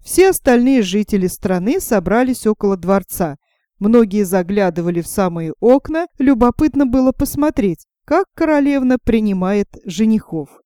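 A woman reading a fairy tale aloud in an expressive, animated storytelling manner. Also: mid-range voice, moderate pace, no echo, studio quality. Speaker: narrator.

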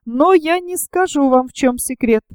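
A woman's voice: normal speed, darkish tone, no echo, clean studio sound, natural voice. Woman playing a vain old male writer. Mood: smug gossip. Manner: affected, sugary squeak when fawning. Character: vain, pompous elderly male celebrated writer.

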